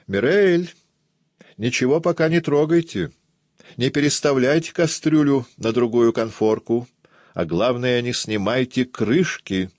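A man's voice: sits low, very animated, slow pace, no room sound, clean studio sound, heavily acted. A man voicing a kindly, fussy older aunt who chatters in a confiding way. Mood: fussing. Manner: warm confiding chatter, raised voice.

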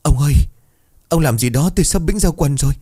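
A man's voice: on the high side, animated, quick pace, warm tone, breathy edge, voice pushed up. A man voicing a frightened middle-aged village wife who pleads shrilly with her husband, in a spoken ghost story. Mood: terrified.

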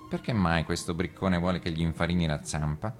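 A man's voice: low-pitched, steady tone, brisk, faint music behind, natural voice. A man voicing a suspicious male miller, muttering warily.

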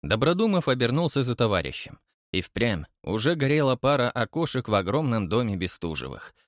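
Male audiobook narrator, lively delivery. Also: mid-range voice, a little fast, no echo, studio quality. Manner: expressive storytelling.

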